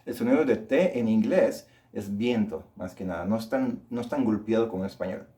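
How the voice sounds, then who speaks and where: A man teaching English pronunciation, explaining sounds and repeating model words slowly for learners to copy. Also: fairly low pitch, warm tone. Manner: slow, drawn-out model words repeated for practice.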